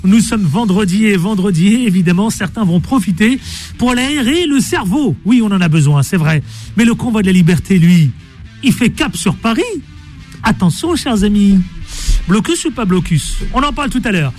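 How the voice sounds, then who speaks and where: A man's voice: high voice, lively intonation, normal speed, a little mellow, faint music behind. A man hosting a radio show, chatty and teasing, with playful asides. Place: radio studio.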